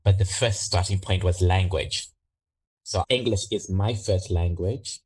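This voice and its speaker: A middle-aged podcast guest from Zimbabwe answers an interviewer's questions in a very low, deep, darkish voice with a breathy edge. He sounds reflective, telling his story slowly and thoughtfully, weighing each word at an unhurried pace that never picks up.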